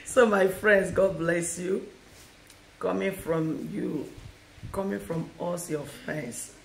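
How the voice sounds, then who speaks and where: A woman's voice: lowish voice, slow, vocal fry, pauses often, roomy sound, a little hiss or hum. A Nigerian woman, a mother, chatting playfully with her daughters on a live video, teasing and laughing and slipping into pidgin. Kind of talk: playful casual family chat.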